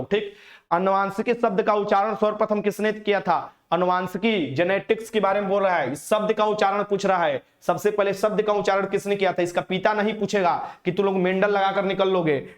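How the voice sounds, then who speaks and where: High-voiced man teaching quiz. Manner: teasing, repeats questions, mixes in English words. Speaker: exam coaching teacher. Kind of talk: live online quiz lesson.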